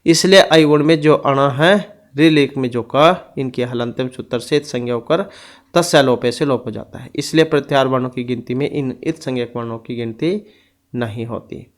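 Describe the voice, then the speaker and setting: A man's voice: mid-range voice, normal speed. A man teaching an exam-prep grammar lesson who reads out rules and goes through lists one item at a time.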